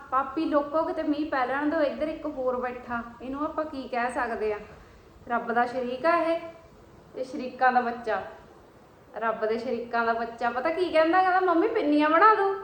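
A woman with a Punjabi accent chatting for a household vlog, complaining and exclaiming in a loud, dramatic auntie manner. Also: high voice. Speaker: family vlogger and mother. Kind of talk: casual household vlog chat. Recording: roomy echo, faint background noise.

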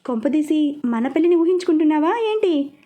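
A woman's voice: high-pitched, animated, a little fast, dark tone, pitched above the performer's own voice. A woman voicing a playful young man in love, teasing his girlfriend in a read-aloud story.

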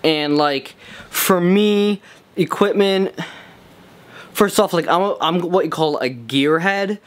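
A man's voice: high-pitched, slow pace. A young man in his twenties vlogging to a handheld camera, chatting loosely with lots of fillers about his home music studio. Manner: rambling, filler-heavy with lots of "like" and "um". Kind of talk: casual vlog talk to camera. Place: outdoors in an apartment parking lot, then a small home music studio. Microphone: handheld vlog camera close to the face.

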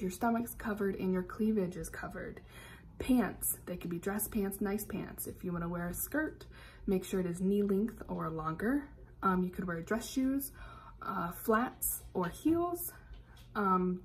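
Young American woman, youth club staff, upbeat expressive teaching voice, medium pitch, light hiss behind. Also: poor audio. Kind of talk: instructional talk to young people.

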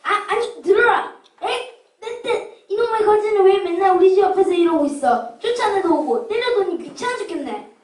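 A pompous, blustering villain of a rich old man, acted by a woman for a children's puppet play. The voice is very high and theatrical, recorded in a roomy space at some distance. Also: lively intonation, moderate pace. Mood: gloating, scornful. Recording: roomy, distant miking with background hiss.

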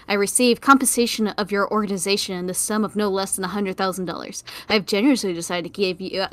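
A woman's voice: mid-range voice, voice pushed down, lightly acted. A woman reading as a pompous male lord writing a formal blackmail letter, stiff and formal.

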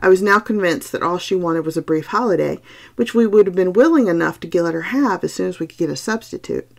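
Woman reading a ghost story on her podcast, slow and deliberate, kinda creaky voice. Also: lowish voice, expressive, a little mellow. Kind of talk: storytelling narration.

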